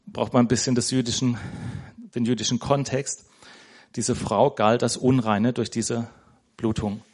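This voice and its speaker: In a church, a lay preacher gives a casual sermon in a mid-range, somewhat mellow voice. His delivery is conversational as he hunts for words, and almost every sentence ends with the tag "ne?".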